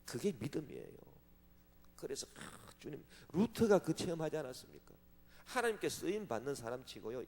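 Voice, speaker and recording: A man preaching a sermon as pastor, swinging from loud outbursts to hushed asides. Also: mid-range voice. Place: large church sanctuary. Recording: long church hall reverb.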